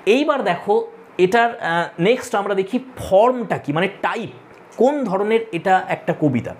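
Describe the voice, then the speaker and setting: In an online lecture for exam students, a man tutoring literature repeats key points, talks to the students directly, and instructs them to take notes. He has a high, lively voice and a measured pace, with slight background noise.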